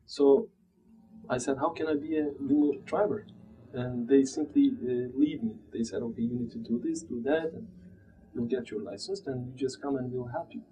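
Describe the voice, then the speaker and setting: A mellow, mid-range voice belongs to a man in his thirties from Turkey who gives reflective interview testimony about immigrating. He speaks with a Turkish accent, haltingly and searching for words, in a small plain indoor room where the sound comes out dull and muffled with background room noise.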